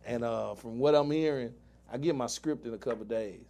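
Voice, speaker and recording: A man's voice: medium pitch, fairly quick, mellow. A man hosting a casual podcast, slangy and joking, laughing often. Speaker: host. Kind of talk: casual chat.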